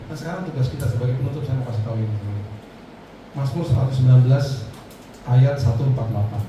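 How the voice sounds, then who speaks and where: A man preaching a storytelling sermon, animated and acting out the voices of people in his story. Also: medium pitch. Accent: Indonesian. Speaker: pastor. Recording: echoey hall, far-off mic, noisy.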